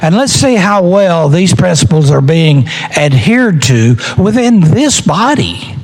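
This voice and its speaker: A man delivering a political floor speech as a legislator, arguing point by point in a deliberate way with rhetorical questions and repetition. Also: high-pitched, very animated, darkish tone.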